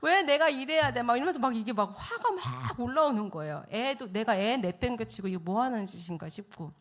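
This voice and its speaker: A woman missionary giving a testimony sermon in a church, telling her story with animated storytelling and acting out the voices she quotes. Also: fairly high pitch, a little fast. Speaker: missionary speaker.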